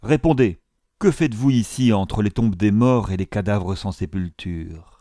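A man voicing a stern, commanding gentleman who barks sharp, exasperated questions. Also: fairly low pitch, unhurried, no room sound, clean studio sound, close to an everyday voice.

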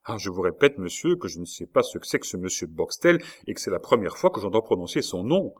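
An earnest young woman pleads her case with insistent urgency, as a man reads her lines in a storybook. The voice stays fairly low even when it lifts for her, with bursts of bold indignation. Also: fast talker, breathy edge, exaggerated voice. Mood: indignant.

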